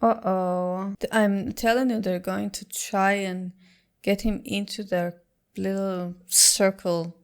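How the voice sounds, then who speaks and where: A woman's voice: mid-range voice, level tone, takes it slowly. A woman hosting a reaction video, making casual exclamations and musing asides as she watches.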